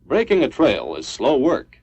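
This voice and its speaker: An American man narrates a scripted military training film with clipped, instructional declarative delivery. His medium-pitched voice swoops wildly, stays unhurried, and sounds darkish and slightly rough.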